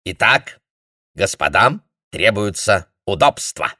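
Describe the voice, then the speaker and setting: A man voicing an irate male German camp commandant with a croaking voice who bellows his orders. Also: fairly low pitch, very animated, slow pace, pushed and bright, no echo, clean studio sound, heavily acted. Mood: mocking.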